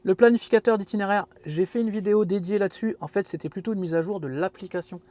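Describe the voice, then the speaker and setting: High-voiced man chatting from his car. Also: fast talker, mellow. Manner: chatty, joking, self-mocking asides. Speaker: car video host. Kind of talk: casual product walkthrough. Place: inside a parked car.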